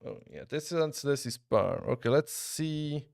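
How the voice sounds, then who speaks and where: During a live game stream, a young man from Switzerland chats relaxedly with his viewers, reacting as he plays and often restarting his sentences. His gravelly voice sits on the high side and moves a little slowly. The recording is studio quality with no room sound.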